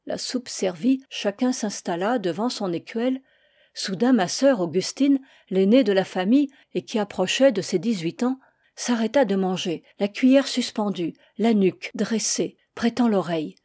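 Audiobook narrator, woman, mellow and measured, classic prose. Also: medium pitch, animated, no echo, studio quality. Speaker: audiobook reader.

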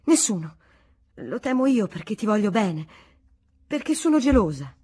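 A woman's voice: mid-range voice, big pitch swings, normal speed, warm tone, slightly rough. A woman reading the lines of a jealous, pleading young pregnant wife in an audiobook, in an anxious, imploring manner.

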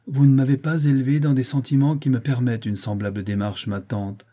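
A man's voice: medium pitch, level tone, brisk, dark tone, natural voice. A man reading aloud voicing a proud young woman who answers firmly and respectfully. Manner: firm, respectful, defiant.

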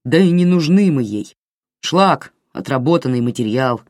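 An audiobook reader voicing a grumpy, bitter elderly stepfather who grumbles gruffly, with lively pitch. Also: moderate pace, no echo, studio quality, lightly acted. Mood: grumbling. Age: older.

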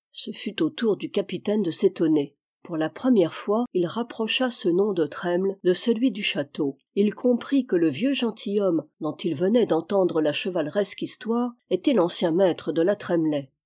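A woman narrating a classic adventure novel as an audiobook in a measured, steady reading. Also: lowish voice, slightly rough. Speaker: audiobook reader.

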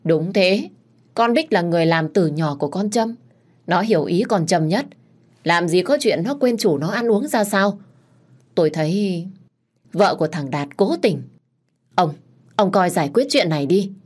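A woman voicing a scheming, sharp-tongued older woman who speaks in an accusing tone. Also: fairly low pitch, lively intonation, moderate pace, pauses often.

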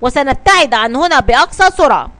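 A calm, resolute male sea captain gives orders firmly in a children's storybook, voiced by a woman. He speaks in measured tones on a high pitch. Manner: firm and measured. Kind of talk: storybook reading.

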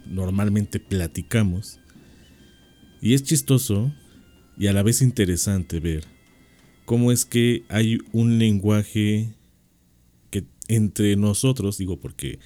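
A man with a Mexican accent co-hosting a radio discussion, reflective and pausing often with "eh" and restarts. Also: on the low side, warm tone, faint music behind. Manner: reflective, with frequent "eh" pauses and restarts. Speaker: radio show co-host. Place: radio studio.

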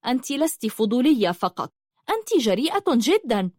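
A woman's voice: a little high, big pitch swings, brisk, a little mellow, dry recording, studio quality, pitched above the performer's own voice. A woman voicing a timid young girl in a storybook who speaks nervously. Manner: nervous, refusing.

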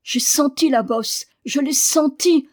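A woman's voice: high-pitched, slow pace, voice pushed up. A woman doing a sobbing hysterical little boy. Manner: sobbing, gasping, stammering.

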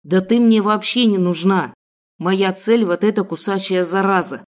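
A woman voicing a rough, menacing male kidnapper who growls his threats. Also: fairly low pitch, unhurried, a little mellow, close to an everyday voice.

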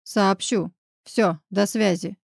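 A woman voicing a calm, stern man who speaks curtly in an audiobook. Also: medium pitch, slow pace, creaky, no room sound, clean studio sound.

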